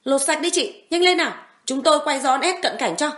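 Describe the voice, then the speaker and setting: A woman voicing a gang of crude male thugs, jeering loudly and later groveling and stammering for mercy. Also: a little high, very animated, a little fast, roomy sound, pitched above the performer's own voice.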